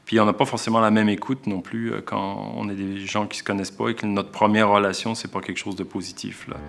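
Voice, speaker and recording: An elementary school teacher with a Québécois accent talks quickly in a documentary interview, reflecting aloud and often starting his sentences over. His voice is on the low side and creaky, with a flat delivery and a fairly bright tone.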